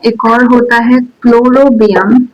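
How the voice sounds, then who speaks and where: A woman teacher giving a botany lecture, speaking softly into a new mic and checking in with "theek hai" and rhetorical questions. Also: fairly high pitch, fairly even intonation, slow, lo-fi sound, slight background noise. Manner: says "theek hai" and "dekho" constantly, asks rhetorical questions; speaks softly and holds back her volume. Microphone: newly bought mic.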